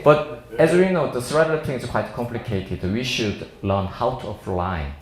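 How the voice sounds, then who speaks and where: In an echoey indoor seminar room, a plastic surgeon from South Korea in his forties, a native Korean speaker, gives an informal talk to an audience. His medium-pitched voice has lively intonation, and his accented English is halting and jovial, punctuated by frequent chuckles. Slight background noise is present.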